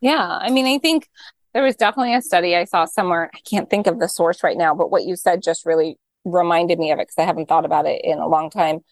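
A woman's voice: lowish voice, fast talker, dry recording. A woman hosting a conversational interview, thinking aloud and praising her guest with enthusiasm. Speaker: podcast host.

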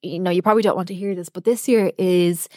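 A woman's voice: lowish voice, fairly even intonation, fast talker, warm tone, no room sound. A woman hosting a solo podcast, talking directly to the listener in an earnest, emphatic way on a close mic. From United Kingdom. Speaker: podcast host, dietitian.

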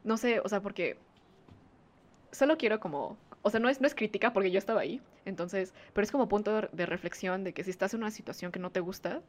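A woman's voice: medium pitch, fast talker. A woman, co-hosting a podcast in casual chat, talking with many fillers and frequent laughs. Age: 20s. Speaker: podcast co-host.

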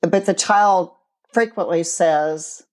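A woman in her forties, co-hosting a podcast and explaining things in a measured way from her counseling work. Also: on the low side, a little mellow. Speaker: podcast co-host and co-parenting counselor. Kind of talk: casual podcast chat.

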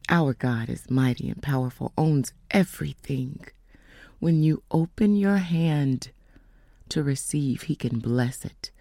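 Gravelly woman telling a faith testimony. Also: low-pitched, dark tone, no room sound, clean studio sound. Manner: storytelling, acts out quoted voices; slows down for emphasis, drops to whispers. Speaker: speaker giving a testimony.

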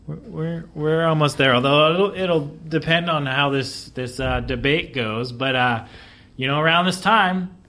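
A man co-hosting a podcast in casual chat, animated and often laughing, repeating his words as he goes. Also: on the high side, measured pace. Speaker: podcast co-host.

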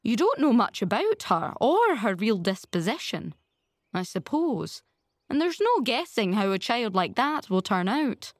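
A woman's voice: on the high side, sing-song, a little slow, no echo, studio quality. A woman voicing a blunt, judgmental busybody in a storybook, with an emphatic, solemn, outspoken delivery. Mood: gloomy.

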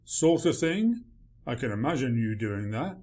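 A man's voice: medium pitch, sing-song, measured pace, dark tone. A man playing a grumpy male writer, dry, sarcastic and dismissive in a radio play. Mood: sardonic.

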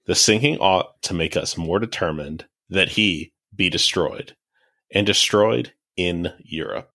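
A man with a low voice co-hosts a casual history podcast. He is laid-back and sometimes reads quotes aloud. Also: measured pace, pushed and bright. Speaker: podcast co-host.

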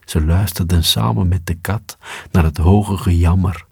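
A man narrating a storybook in a calm, measured storytelling manner. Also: low voice, creaky, breathy edge, no echo, clean studio sound. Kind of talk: storybook reading.

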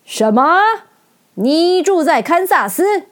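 A woman voicing a majestic, stern giant head who speaks slowly and commandingly in a children's storybook reading. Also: a little high, sing-song. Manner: slow, loud, commanding.

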